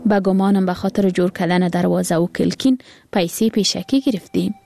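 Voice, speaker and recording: A woman voicing a poor, hopeful mother and wife, speaking in lively exclamations. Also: lowish voice, creaky, soft background music. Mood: exclaiming.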